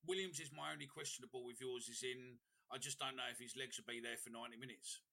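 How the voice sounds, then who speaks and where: Sharp, creaky-voiced male football pundit. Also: medium pitch, steady tone, fast. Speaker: football podcast panellist. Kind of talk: casual football chat.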